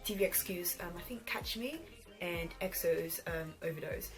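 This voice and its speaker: Originally from Ghana, this 21-year-old woman moved to England at age twelve and now hosts a vlog, talking in an easygoing, conversational way. Her voice is on the low side and a little slow, with R&B pop playing in the background.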